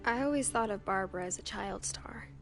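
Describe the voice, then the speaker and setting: A woman acting a reflective young woman who recounts her family's history in measured, wistful narration for a story game. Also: medium pitch, lightly acted. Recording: music behind the voice.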